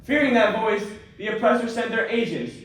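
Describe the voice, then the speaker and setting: An earnest young lawyer presses his case in a fairly high voice. The sound is very echoey and distant, as in an old radio play. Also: lively intonation, fairly quick, a bit bright. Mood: rousing. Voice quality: earnest, insistent. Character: young man, an impassioned lawyer demanding justice. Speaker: actor. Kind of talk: radio drama acting. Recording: echoey, distant, faint noise.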